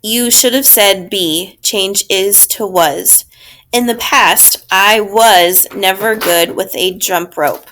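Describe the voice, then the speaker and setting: Slow, patient woman teacher. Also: mid-range voice, a bit bright. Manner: slow, patient, explaining step by step. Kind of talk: recorded grammar lesson.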